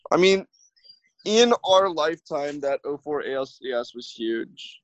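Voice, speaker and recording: A man's voice: a little high, lively intonation, unhurried, no room sound, rough recording. Wry podcast host man, dry sound. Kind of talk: casual chat.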